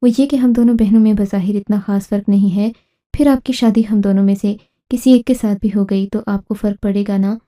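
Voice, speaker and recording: A woman narrating a dramatic family story in the first person, in a steady, scripted storytelling manner. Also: mid-range voice.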